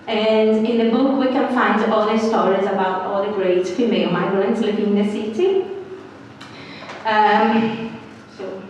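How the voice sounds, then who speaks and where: A Brazilian journalist in her thirties, a native Portuguese speaker with a Brazilian accent, is a guest speaker at a live event indoors. Her medium-pitched, slightly mellow voice is steady and a little slow, full of fillers, hesitation and little giggles. A distant mic in an echoey hall picks it up with slight background noise.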